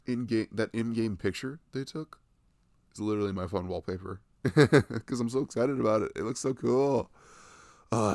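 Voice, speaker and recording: Close to the microphone on a dry recording, a young adult man with a fairly low voice chats casually and enthusiastically about video games, rambling and using plenty of slang.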